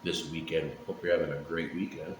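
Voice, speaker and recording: A middle-aged man with a low voice talks in a loose, rambling way. He takes his time, pausing often and speaking plainly. The room is echoey, with faint noise behind him. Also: flat delivery. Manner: laid-back, profane, unhurried with frequent pauses. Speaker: pipe-smoking vlogger. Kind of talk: casual rambling solo chat.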